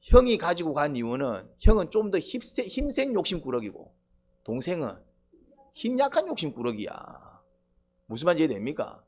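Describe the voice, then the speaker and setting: A man's voice: on the high side, wildly swooping pitch, normal speed, darkish tone. A middle-aged male pastor preaching a sermon, quizzing the congregation with rhetorical questions and prompting "eh?".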